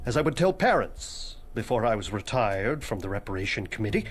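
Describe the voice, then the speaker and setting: A man speaks as a dead headmaster's ghost in a video game cutscene with music underneath, his delivery formal, wry, and morbidly deadpan, occasionally dropping to a whisper. His voice is on the low side and fairly quick.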